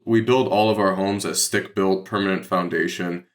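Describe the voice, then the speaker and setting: On a podcast, a Detroit real estate investor rambles through casual explanations, using "like" constantly among other fillers. The American man has a low-pitched voice with fairly even intonation and a moderate pace. He's from Detroit, Michigan, United States.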